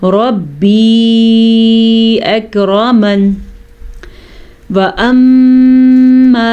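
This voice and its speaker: A woman teaching tajweed. She explains each rule step by step and recites the verses slowly with long, melodic vowels. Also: mid-range voice, a little mellow. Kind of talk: tajweed lesson.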